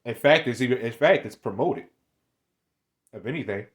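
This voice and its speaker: A man's voice: medium pitch, expressive, moderate pace. A man in his twenties giving a casual, rambling monologue, often stammering and repeating words, with street slang. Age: 20s. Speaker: online commentator.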